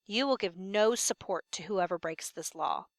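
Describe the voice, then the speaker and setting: A woman's voice: medium pitch, normal speed, no echo, close to an everyday voice. A woman reading a stern commanding king. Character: stern, controlled male king.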